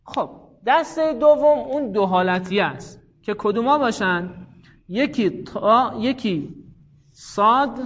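A man teaching a class, lively and encouraging, repeating examples slowly and praising his students. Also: high-pitched. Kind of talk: classroom lesson on Arabic morphology. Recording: dull lo-fi classroom recording.

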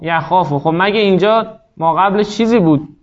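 A man's voice: high-pitched, expressive, dull audio. A man teaching a grammar class, explaining each rule step by step and quizzing his students as he goes. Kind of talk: classroom lecture.

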